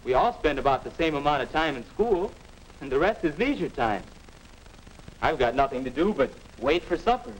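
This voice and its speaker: A man's voice: on the high side, very animated, moderate pace. A young male actor playing a restless, skeptical teenage boy, earnest and questioning, in a 1950s educational film. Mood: puzzled, curious. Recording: noisy 1950s film soundtrack.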